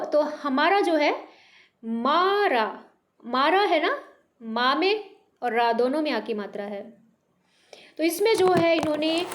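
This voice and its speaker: A woman teaching a beginners' Hindi lesson online, patiently sounding out syllables, mixing in English words and checking in with her students. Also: high voice. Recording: noisy recording with clicks.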